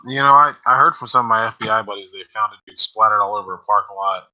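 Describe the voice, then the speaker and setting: Bright-voiced joking man. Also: on the low side, fast talker, highs cut off. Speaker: player. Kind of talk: tabletop game banter over voice chat.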